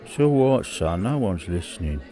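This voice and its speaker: In a naturalistic audio drama, a man with a deep, very animated, mellow voice plays a middle-aged British criminal, speaking at normal speed over a faint crowd. The character is a hard-drinking old hand, casually cold and world-weary, and he talks in a matter-of-fact, colloquial way.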